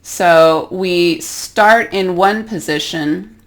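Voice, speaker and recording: A woman's voice: fairly low pitch, extremely slow. A woman with an American accent teaching an English pronunciation lesson, carefully demonstrating each vowel sound.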